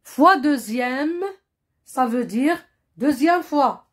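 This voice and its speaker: Woman, primary teacher, slightly high voice, slow and patient, lots of repetition. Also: expressive. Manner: patient, repeats words, checks with "hein?" and "compris?". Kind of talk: slow classroom explanation.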